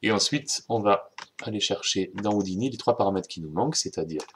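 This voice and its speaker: A man with a French accent giving a casual, chatty software tutorial, talking straight to viewers and correcting himself as he goes. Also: on the low side, animated, fairly quick, a little hiss or hum. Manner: informal, chatty, self-correcting, addresses viewers directly. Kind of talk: screen-recorded software tutorial.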